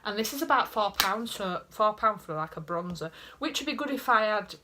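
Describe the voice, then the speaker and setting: Sitting in a small bedroom, a young Yorkshire woman vlogs about beauty, talking casually to a desk-height camera in front of her and rambling with jokes at her own expense. She has a medium pitch, lively intonation and a normal speed. Background noise can be heard.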